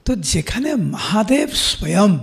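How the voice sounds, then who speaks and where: A middle-aged man with a Bengali accent giving a devotional scripture class, explaining with everyday examples and slowing down to recite verses. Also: high-pitched, very animated, creaky. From India. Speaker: preacher.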